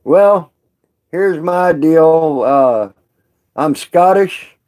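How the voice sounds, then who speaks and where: A man's voice: on the high side, lively intonation, extremely slow, darkish tone. A man chatting casually on a live stream with viewers, rambling and folksy, laughing often.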